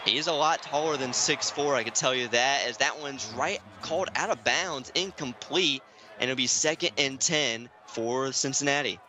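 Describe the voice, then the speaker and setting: A man doing play-by-play commentary for an online football game, keeping his voice hushed and excited, climbing high and loud on big plays. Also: moderate pace, rough recording. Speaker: play-by-play announcer. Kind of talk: sports commentary. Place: home room, streaming.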